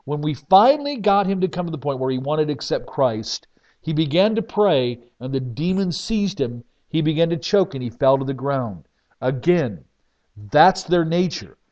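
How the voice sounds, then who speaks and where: A man preaching from the pulpit, his voice sitting a little high for a man. He tells his stories emphatically, surging loud and dropping low again. The recording is dull and lo-fi. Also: very animated, moderate pace. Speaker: pastor. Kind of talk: sermon testimony.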